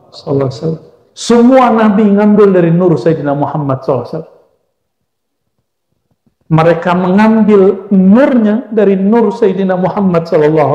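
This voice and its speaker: A man's voice: sits high, warm tone. A male Islamic preacher giving a sermon, asking his audience questions and answering them himself, sometimes chanting verses. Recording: echoey dull-sounding hall.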